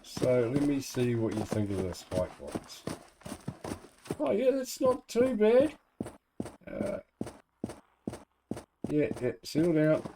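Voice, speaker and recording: A man's voice: a little high, expressive, slow pace, pauses often, noisy background. A man with a New Zealand accent giving casual, laid-back gameplay commentary, thinking aloud in colloquial speech. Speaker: gamer narrating own let's play.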